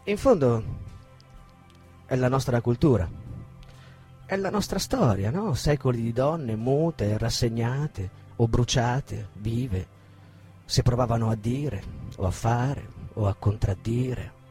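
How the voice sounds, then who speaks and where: A man's voice: medium pitch, sing-song, measured pace, pauses often, soft background music. An actor playing a raging abusive man. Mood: cold, menacing. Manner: swings from shouting insults to cold menace. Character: abusive aggressive man berating a woman. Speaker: actor reading a monologue. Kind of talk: dramatic reading.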